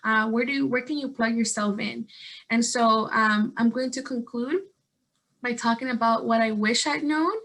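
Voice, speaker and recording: A young Guatemalan woman, a statewide community organizer appearing as a guest speaker, presents earnestly over a video call, often using fillers and restarting sentences. Her voice is fairly high and a bit bright, with a steady tone at normal speed.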